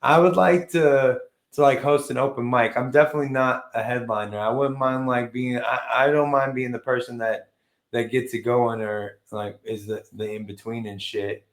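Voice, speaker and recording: A man's voice: medium pitch, steady tone, normal speed. Profane joking man, roomy sound. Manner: crude, boastful joking, heavy swearing. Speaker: podcast host. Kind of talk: casual chat.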